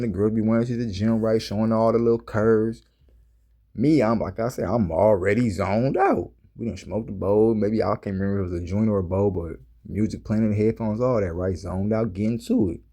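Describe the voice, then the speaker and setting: Laid-back gravelly-voiced man telling a story. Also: on the low side, a little fast, mellow. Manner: laid-back slangy storytelling, addresses viewers as fellas. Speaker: fitness vlogger. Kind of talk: casual storytelling to camera.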